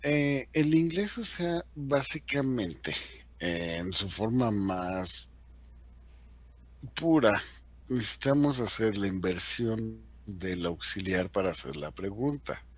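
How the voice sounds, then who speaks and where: A man's voice: lowish voice, animated, slow, fairly bright tone, no echo, muffled recording. A man teaching an English grammar class in a chatty way, asking his students questions as he goes. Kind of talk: classroom lesson explaining grammar.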